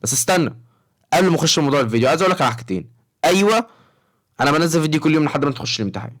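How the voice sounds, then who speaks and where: A young man with an Egyptian Arabic accent, talking to high school students in a casual, rambling vlog and often checking in with the viewer. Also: lively intonation, racing, slight background noise. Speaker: study-advice vlogger for high school students.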